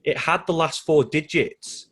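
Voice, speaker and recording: A man's voice: on the high side, unhurried, fairly bright tone, breathy edge. A man from England co-hosting a football podcast, chatting casually and telling a story with a laugh. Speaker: podcast co-host. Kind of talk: casual chat.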